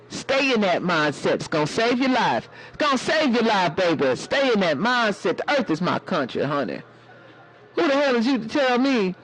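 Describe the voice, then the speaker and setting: A sassy elder woman, as a man puts her on, lectures a live audience in a very high, hoarse voice. She preaches in a motherly way and calls everyone baby and honey. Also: fairly bright tone, full character voice, poor audio. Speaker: live-stream host. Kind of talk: preachy casual live-stream talk.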